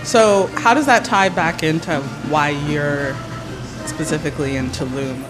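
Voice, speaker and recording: A woman's voice: low voice, measured pace. A woman leading a round of introductions in casual conversation, friendly and inquisitive. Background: music.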